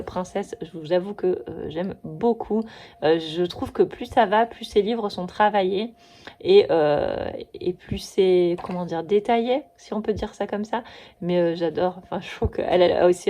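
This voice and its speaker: A woman in her thirties with a mellow, warm tone talks casually to her viewers. She gushes happily over what she shows and keeps stopping on small hesitant fillers. Her pitch sits in an ordinary middle range. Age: 30s. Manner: gushing, hesitant with many fillers. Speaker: coloring book vlogger. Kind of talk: casual show-and-tell chat.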